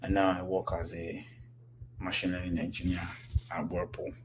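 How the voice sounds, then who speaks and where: This instructor, a Nigerian man in his thirties, speaks in a low monotone at normal speed over background noise. He fields questions in a relaxed online class, rambling casually with frequent fillers and restarts.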